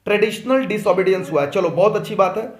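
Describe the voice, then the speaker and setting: A male commerce teacher running an online class, with a voice pitched high for a man. He reads out case questions and keeps pushing students to answer. The sound carries a roomy echo. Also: lively intonation, quick pace.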